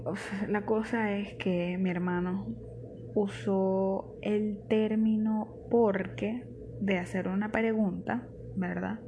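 A young woman from Venezuela with a Venezuelan accent, telling a personal story in a chatty, animated, slangy way. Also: medium pitch, noisy background. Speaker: vlogger. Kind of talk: casual storytelling.

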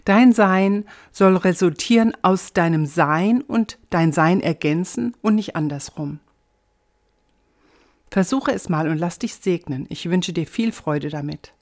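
Woman, lower-pitched voice, measured and gently instructive, scripted spiritual reflection addressed to the listener. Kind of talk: scripted devotional talk with guided reflection.

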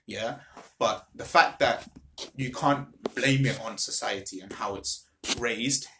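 A man's voice: medium pitch, slow pace, noisy background. A man hosting a casual podcast chat, rambling with many restarts and blunt, sweary remarks. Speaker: podcast host.

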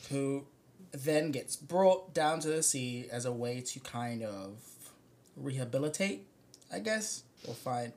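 A young man hosting a podcast in casual chat, summarizing loosely and hedging with many fillers. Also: medium pitch. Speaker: podcast host.

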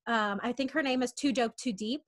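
A woman's voice: on the high side, a little fast. A woman in her twenties chatting candidly and rambling, with lots of fillers and restarts. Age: 20s. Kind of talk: casual chat.

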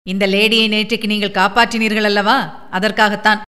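Woman doing a glib, quick-talking film promoter. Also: mid-range voice, flat delivery, pushed and bright, big-room sound, close to an everyday voice. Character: smooth-talking adult male film promoter.

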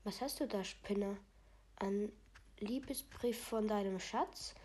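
A woman's voice: mid-range voice, takes it slowly, darkish tone, lightly acted. A woman voicing a mocking teenage boy bully who taunts in a sneering way. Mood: taunting.

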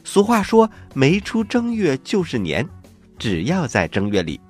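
A man hosting and narrating a children's story programme in an expressive, avuncular, scripted style. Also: a little high, measured pace, breathy edge, soft background music.

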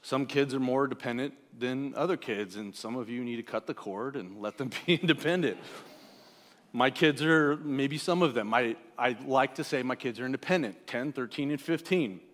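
Conversational pastor preaching in a reverberant church. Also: male voice, medium pitch, moderate pace, fairly bright tone. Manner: conversational, plain-spoken preaching with asides to the congregation. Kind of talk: sermon. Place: church sanctuary. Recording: church hall with long reverb.

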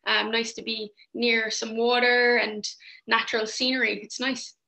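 A woman's voice: a little high, flat delivery, unhurried, vocal fry, sharp tone. A young adult Irish woman giving casual interview answers as a podcast guest. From Ireland. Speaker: podcast guest, fitness coach. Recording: roomy, echoey internet call.

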